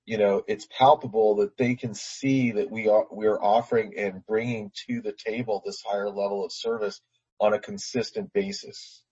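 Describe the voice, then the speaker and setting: Low-voiced man, team leader, earnest. Husky tone, lo-fi call audio. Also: steady tone, moderate pace, dark tone. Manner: earnest, restarts phrases. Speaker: team leader being coached. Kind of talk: call conversation.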